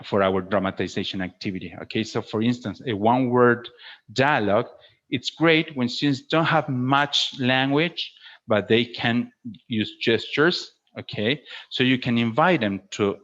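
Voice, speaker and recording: A teacher trainer fields questions during an online webinar, frequently pausing his explanations to ask "okay?". He speaks on the low side with a fairly bright tone, and the call audio is dull and lo-fi.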